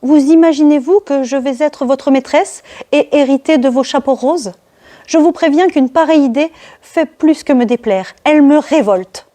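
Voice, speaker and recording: A woman's voice: sits high, moderate pace, warm tone, close to an everyday voice. A woman voicing a witty, mocking young marquise in a one-woman reading of a classic stage comedy, speaking in a cool, teasing and imperious way. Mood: indignant. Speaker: reader of a play.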